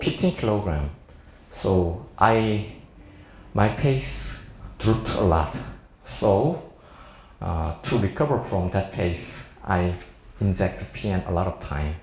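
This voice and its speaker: Speaking to an audience in an echoey indoor seminar room, this South Korean plastic surgeon in his forties, a native Korean speaker, uses halting, non-fluent English with a Korean accent, jovial and chuckling often. His voice is low-pitched and a little mellow, and there's a little hiss or hum.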